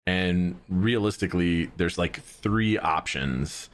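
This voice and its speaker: A man with a very deep voice who explains things in an easygoing, unhurried way. He co-hosts a casual talk show. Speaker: podcast co-host. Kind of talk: casual chat.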